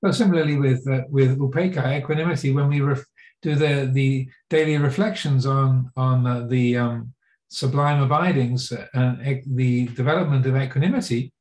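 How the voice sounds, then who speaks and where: A man in his sixties with an English accent, a Buddhist monk giving a dharma talk, halting with many fillers and restarts. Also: mid-range voice, fairly even intonation. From England. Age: 60s. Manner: halting, many fillers and restarts, gentle self-mocking laughs. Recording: roomy echo.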